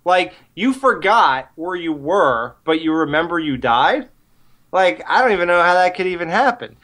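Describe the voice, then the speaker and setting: A man's voice: high-pitched, lively intonation, moderate pace, fairly bright tone. A man co-hosting a podcast, reviewing a horror film in blunt, profane, mocking casual chat. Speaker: podcast co-host.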